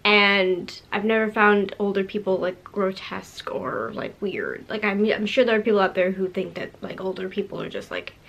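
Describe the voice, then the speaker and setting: A woman's voice: medium pitch, animated, moderate pace, creaky, few pauses, a bit bright, lo-fi sound. A woman in her late twenties talking casually to her viewers in a bubbly, sassy way, full of fillers and restarts. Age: 20s. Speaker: vlogger. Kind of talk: casual talk to camera.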